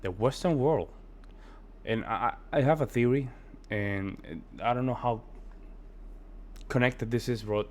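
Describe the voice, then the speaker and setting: A man's voice: mid-range voice, unhurried, pauses often. A man from Puerto Rico giving casual, emphatic reaction commentary. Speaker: reaction video host.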